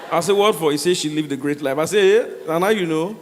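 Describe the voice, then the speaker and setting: A Nigerian man performing comedic stories to a live audience, animated, slipping into Pidgin and acting out dialogue. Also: fairly high pitch, quick pace. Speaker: stand-up comedian. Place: large hall with a stage. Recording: echoey hall, noisy live sound.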